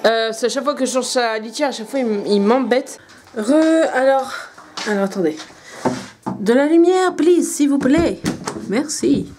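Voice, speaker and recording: A young woman talks into a handheld camera at home, rambling and pausing as she vlogs her day. Her voice sits a little high. Faint background noise sits under her talk. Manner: rambling, hesitant, chatty. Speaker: vlogger. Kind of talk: casual vlog chat. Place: at home indoors.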